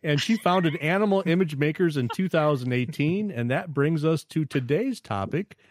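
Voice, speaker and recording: A man's voice: a little high, expressive, normal speed, no echo. A man hosting a podcast in casual banter, joking and laughing often. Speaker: podcast host.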